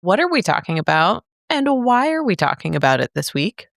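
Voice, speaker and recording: Chatty young woman podcast co-host, lowish voice. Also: fairly quick, creaky, dry recording, clean studio sound. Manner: animated, playful, jumps into high silly voices for quotes. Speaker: podcast co-host, speech therapist. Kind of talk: casual podcast chat. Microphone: studio microphone.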